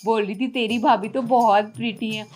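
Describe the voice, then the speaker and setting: A clingy, chatty young sister-in-law, played by a woman in a comedy skit. She gushes on and on. She speaks in a high voice over faint music. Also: steady tone, moderate pace, lightly acted. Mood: gushing. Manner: gushing, chatty.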